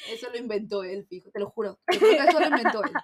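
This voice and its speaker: A woman's voice: on the high side, expressive, very fast, slight background noise. A young woman co-hosting a podcast, joking around in slangy casual chat. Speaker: podcast co-host.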